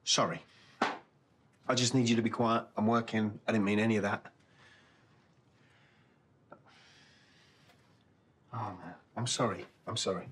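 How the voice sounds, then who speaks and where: A man's voice: fairly low pitch, steady tone, brisk, noisy background, close to an everyday voice. An actor playing a volatile father in his forties, prone to explosive swearing rants. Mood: remorseful. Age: 40s. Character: hot-tempered middle-aged father, volatile and sweary. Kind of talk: TV comedy-drama acting.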